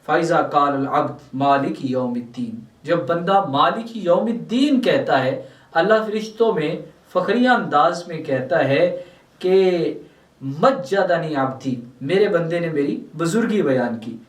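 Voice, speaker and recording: A man's voice: fairly high pitch, expressive, echoey room, recorded from a distance. A man with a Pakistani Urdu accent gives a religious lesson, reciting verses and explaining them word by word. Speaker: Islamic scholar teaching Quran translation.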